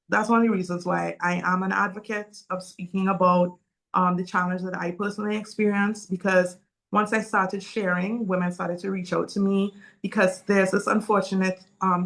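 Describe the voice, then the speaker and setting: A woman's voice: mid-range voice, vocal fry, fairly bright tone, poor audio. A woman in her forties from Saint Vincent and the Grenadines, telling her personal story earnestly and openly as a panel guest. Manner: earnest, open, with frequent um fillers. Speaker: guest speaker.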